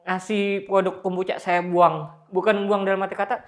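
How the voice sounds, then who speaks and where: A man's voice: high voice, level tone, moderate pace. A young man chatting casually as a podcast guest, pronouncing his r like an l, in short phrases with repeated words. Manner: lisped r, pronounced like l. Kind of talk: casual conversational storytelling.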